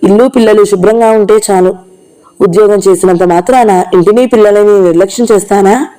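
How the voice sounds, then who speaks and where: A reader voicing a frustrated young wife who answers back sharply in an audio novel. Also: female voice, medium pitch, steady tone, a little fast, close to an everyday voice, rough recording. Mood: defensive. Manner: sharp, defensive.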